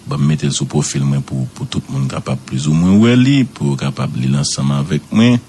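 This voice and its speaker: A man with a Haitian accent giving radio commentary, swooping high for emphasis and repeating words. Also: expressive, fairly quick, warm tone, a little hiss or hum.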